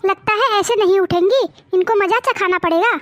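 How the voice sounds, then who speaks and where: Woman doing a bossy cruel young daughter-in-law in a cartoon, sneering, very high voice, dry sound. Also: fairly quick, fairly bright tone, dry recording. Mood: scornful. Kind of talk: cartoon voice acting.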